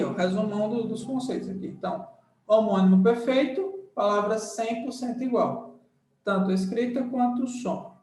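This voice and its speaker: Slow, high-voiced Brazilian teacher. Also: male voice. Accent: Brazilian Portuguese. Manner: explains slowly, repeating terms and checking with "tá?". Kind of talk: recorded grammar lesson. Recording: echoey room.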